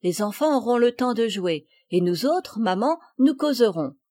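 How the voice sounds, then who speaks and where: A woman's voice: lively intonation, moderate pace, no echo, studio quality. A woman voicing a stout, harsh stepmother who gushes to guests and screeches at her stepdaughter. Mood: gushing. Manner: loud, effusive, shrill when angry.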